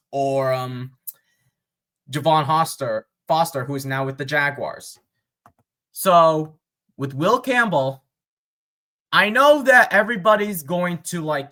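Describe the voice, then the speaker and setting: Male fan vlogger, unhurried delivery, bright tone, off-the-cuff. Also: on the high side. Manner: unscripted, thinking aloud with fillers and pauses. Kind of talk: casual mock draft commentary.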